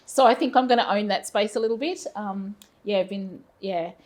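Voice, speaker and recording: A woman's voice: mid-range voice, moderate pace, a little mellow. Chatty Australian woman in her fifties. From Brisbane, Australia. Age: 50s. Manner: rambling, self-deprecating, frequent fillers. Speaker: guest, business owner. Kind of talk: casual interview chat.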